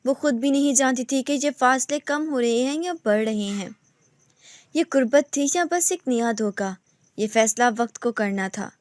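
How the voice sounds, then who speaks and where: A woman reading a romantic novel aloud in steady scripted narration. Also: high-pitched, dry recording.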